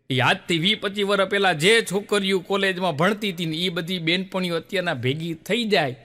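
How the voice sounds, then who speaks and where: A middle-aged male comedian tells folk-style jokes in a high, bright, forceful voice. He jumps into the voices of his characters, then drops back into easy storytelling. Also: long reverb tail. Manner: lively storyteller, acts out characters with pitch jumps. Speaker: stand-up comedian telling jokes. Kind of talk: Gujarati folk-style joke telling.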